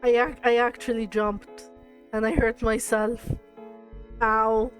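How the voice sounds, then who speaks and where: Brief: woman streamer, a bit high-pitched, hushed story reading, faint music underneath. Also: flat delivery, measured pace. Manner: hushed narration mixed with chatty asides to viewers. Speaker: livestreamer. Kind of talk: reading a game's story aloud on a live stream.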